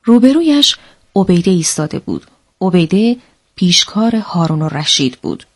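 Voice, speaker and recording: A woman narrating a religious story in a steady, expressive way. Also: on the low side.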